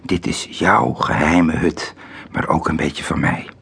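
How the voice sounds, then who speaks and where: A man voicing a patient, caring young mother in a children's storybook, speaking gently and soothingly. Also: very deep voice, slow pace, gravelly, slightly rough, exaggerated voice. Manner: gentle, soothing, calls out loud when searching. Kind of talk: storybook character voice.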